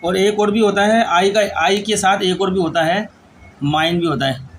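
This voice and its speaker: A man teaching English grammar, dictating rules slowly word by word as he writes them out. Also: high voice, steady tone, a little hiss or hum, rough recording. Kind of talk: lecture explaining grammar rules.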